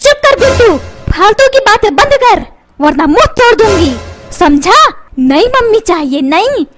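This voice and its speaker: A woman's voice: very high voice, very animated, unhurried, full character voice. A woman voicing a bossy cartoon mother who scolds and threatens her husband and son. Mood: scolding. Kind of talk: cartoon voice acting. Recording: music playing underneath.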